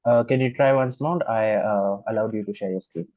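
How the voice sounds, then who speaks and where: A man's voice: on the low side, dry recording. Polite male session moderator, dull dry audio. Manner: polite, formal, with hesitant pauses. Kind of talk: formal conference moderating. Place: online video conference call.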